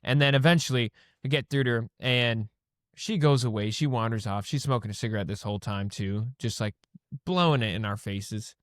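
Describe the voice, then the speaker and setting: A man co-hosting a casual podcast tells stories with animated energy and acts out the people in them. He swears freely, and the mid-pitched voice is recorded dry and close. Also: a little fast, dry recording. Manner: animated storyteller, acts out quotes. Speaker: podcast co-host. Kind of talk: casual chat.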